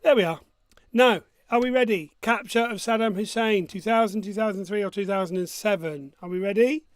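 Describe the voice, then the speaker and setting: A high-pitched man hosts a casual quiz, reading out questions and answers. He has a missing front tooth and a joking, self-deprecating manner. The sound is close and dry. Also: brisk, no echo. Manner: jokey, self-mocking. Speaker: quiz host.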